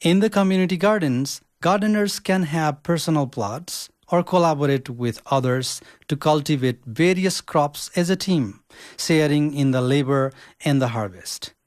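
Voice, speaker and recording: A young man from Nepal reads a podcast script in a careful, measured way, his voice a little higher than most men's. The recording is dry and close, with almost no room sound around him. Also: no room sound. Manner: careful, measured reading with list-like phrasing. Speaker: social work student podcaster.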